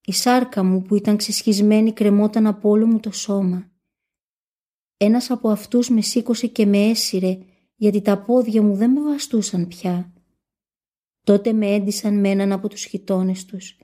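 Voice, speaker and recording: A woman reads a devotional text aloud in a steady, measured way. Her voice is warm and mellow and sits at a middle pitch. The delivery stays solemn and even throughout. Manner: steady, measured first-person recitation. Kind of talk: solemn religious text reading.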